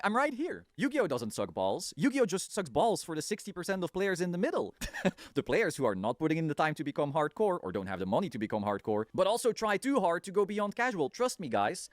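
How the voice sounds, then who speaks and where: A man's voice: sits high, no echo, clean studio sound. A man talking casually in a vlog, loose and profane, often breaking into laughs. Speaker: YouTuber.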